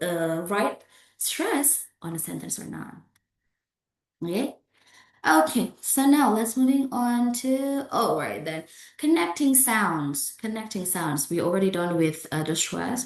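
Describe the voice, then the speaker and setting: A woman's voice: mid-range voice, a little mellow. A woman with an Indonesian accent giving a pronunciation lecture, often checking in with "okay" and "yeah" and making small grammar slips. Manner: non-native grammar slips. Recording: roomy echo.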